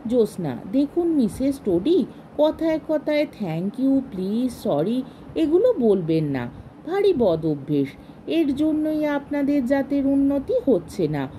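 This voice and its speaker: A woman's voice: sits high, big pitch swings, slow, mellow, slight background noise, full character voice, rough recording. A woman reading a story aloud and voicing a strict, haughty woman who lectures on manners in a scolding way.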